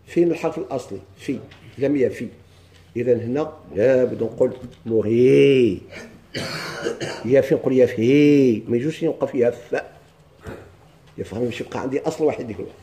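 A man with a Moroccan Arabic accent teaching a grammar lesson. He reads lines of a text slowly, asks the class questions and answers them himself. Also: medium pitch, dark tone.

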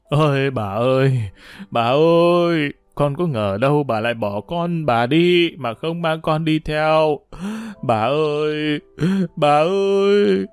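A man voicing a young woman who wails in drawn-out cries for her dead grandmother. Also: a little high, smooth, no room sound, pitched above the performer's own voice. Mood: wailing grief.

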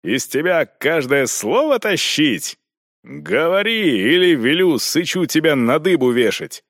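A man's voice: on the high side, expressive, measured pace, fairly bright tone, no room sound, clean studio sound, voice pushed up. A man voicing a stern, impatient knight interrogating a widow with curt, barking questions.

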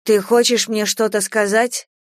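A woman reading aloud voices a touchy young woman who shouts in anger. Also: medium pitch, flat delivery, unhurried, no room sound, studio quality, close to an everyday voice. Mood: tremulous.

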